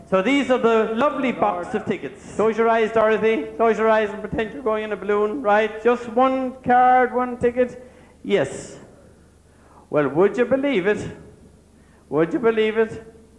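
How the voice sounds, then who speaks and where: On stage in a large indoor theatre hall, an Irish man with a high voice emcees an amateur show, projecting to the audience as he effusively reads out thanks and a roll call of names. The live stage video is echoey, with loud music filling the hall.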